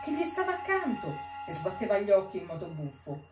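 Woman reader, literary reading, lively intonation, distant mic, roomy hall, music behind. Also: mid-range voice, brisk. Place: library event.

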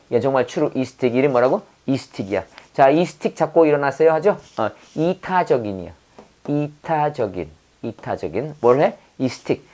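A woman with a notably low voice leads a vocabulary lesson. She stretches English words out syllable by syllable and repeats them several times. Between the words she keeps asking her viewers quick quiz questions. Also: dark tone. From South Korea. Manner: repeats words and quizzes the viewer, drawn-out pronunciation drills. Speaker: English teacher. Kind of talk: vocabulary lesson with mnemonic wordplay.

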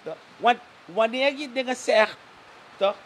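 A man with a Surinamese Dutch accent speaks at a measured pace as a guest commentator on a live interview show, his very high-pitched voice animated and fairly bright. Sranan phrases are mixed in, nearly every sentence carries a questioning "toch?", and slight background noise is present.

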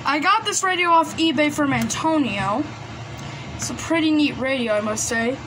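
Seated at a desk in a small room, a woman with a voice that sits high presents her gadget collection at a moderate pace. Her show-and-tell is informal, hesitant and rambling. The handheld phone recording is noisy, with hiss plus noise and radio devices behind her.

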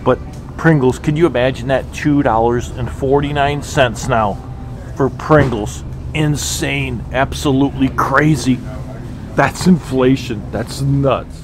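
A middle-aged vlogger with a medium-pitched voice and measured pace gives casual running commentary on grocery prices inside a large supermarket, often exclamatory, incredulous and repeating himself. He films on a handheld camera held at arm's length, and the noisy store ambience comes through in the recording.

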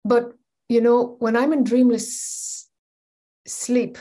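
A woman's voice: on the high side, slow. Thoughtful woman teaching on a webcam. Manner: thoughtful, searching for words, animated hand gestures. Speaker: spiritual teacher. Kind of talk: reflective spoken teaching. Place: home room with bookshelves, indoors. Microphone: webcam on video call.

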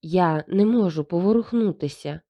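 A woman voicing a timid young princess in a fantasy audiobook, speaking softly and fearfully. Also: lowish voice, moderate pace, no room sound, natural voice.

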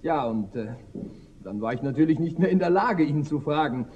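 A man's voice: fairly high pitch, expressive, moderate pace, darkish tone, lo-fi sound, lightly acted. An actor playing a timid young male teacher with a hangover in a stage comedy, hesitant and mild. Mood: hesitant telling. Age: young adult. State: hungover. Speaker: junior teacher. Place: theater stage.

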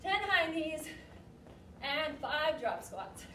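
A young woman working as an aerobics instructor, calling out cues and encouragement in short, energetic, motivating bursts. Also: high voice, slow pace. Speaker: aerobics and fitness class instructor. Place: large gym studio, indoors. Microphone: distant camera microphone. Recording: echoey gym, distant mic, noisy.

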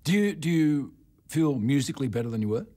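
An interviewer asking probing questions in a relaxed, conversational way. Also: mid-range voice, fast.

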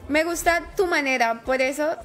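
Over faint, soft background music, a high, bright-voiced woman plays a game on a live stream and chats casually at a moderate pace. She's talkative and warm, greeting viewers by name again and again.

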